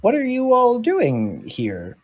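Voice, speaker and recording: A man's voice: very high voice, huge pitch swings, slow, highs cut off, pitched above the performer's own voice, full character voice. A man voicing a rotund floating robot keeper who talks in a prim, overly polite way.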